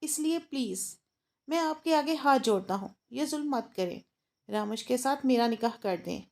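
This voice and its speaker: A woman's voice: high-pitched, animated, normal speed, gravelly, a little mellow. A woman voicing a young man, an earnest new husband who pleads with and coaxes his bride. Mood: pleading. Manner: earnest, coaxing.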